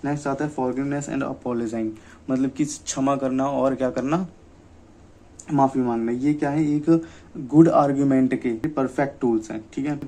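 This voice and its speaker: A young man giving an exam-prep lecture, often asking himself questions and checking "okay?", reading English definitions slowly. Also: medium pitch, fairly even intonation, dark tone. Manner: repeats "ठीक है" and rhetorical questions. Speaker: teacher.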